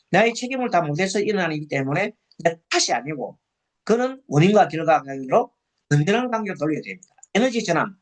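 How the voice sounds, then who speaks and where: A meditation lecturer who teaches by asking listeners rhetorical questions and repeating phrases, and who gives slow, drawn-out breathing cues. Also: medium pitch.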